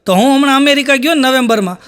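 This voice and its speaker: A man's voice: very high voice, racing, fairly bright tone, smooth. A man with a Kathiyawadi Gujarati accent telling jokes on stage, piling on "he said" tags as he tells stories. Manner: storytelling full of "he said" tags. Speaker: stand-up comedian. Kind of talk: live stand-up joke telling.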